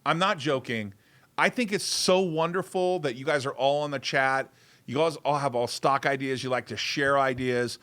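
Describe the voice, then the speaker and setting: A man hosting a casual livestream show, talking in an excitable, rambling way and repeating himself. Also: medium pitch, normal speed. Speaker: show host.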